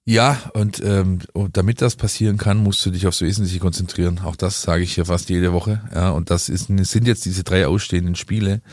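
A man with a lowish voice holds forth in an opinionated podcast monologue, pressing his points with lecturing emphasis. He, and the close, dry recording leaves no room sound. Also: fairly even intonation, moderate pace, hardly any pauses, a little mellow, no room sound. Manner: emphatic, lecturing, rhetorical "ja?" tags. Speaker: football podcast pundit.

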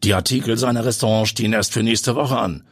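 A man voicing a confident, daring journalist and pilot who speaks in a brisk, energetic, self-assured way. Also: medium pitch, dry recording, studio quality, pitched above the performer's own voice, close to an everyday voice. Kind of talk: audiobook character voice.

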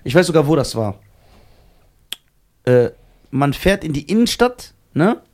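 A man hosting a podcast, telling personal stories in a casual, animated, slangy way. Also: on the high side, unhurried. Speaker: podcast host.

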